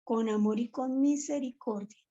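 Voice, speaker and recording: A woman's voice: a little high, moderate pace, warm tone, dull audio. A woman giving an emotional, earnest church testimony and exhortation, with frequent restarts.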